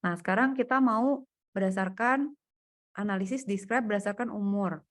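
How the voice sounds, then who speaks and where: A woman gives a relaxed one-on-one coding lesson, thinking aloud as she works through data and plots. She speaks in a casual manner. Her voice sits at an ordinary mid pitch. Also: moderate pace. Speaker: coding tutor. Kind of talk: private coding lesson over screen share.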